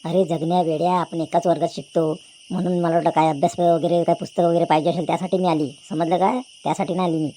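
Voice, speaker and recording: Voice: mid-range voice, flat delivery, fast, warm tone, slight background noise, close to an everyday voice. A voice actor playing a firm schoolgirl who scolds and lectures a classmate in a cartoon. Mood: lecturing. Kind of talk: cartoon voice acting.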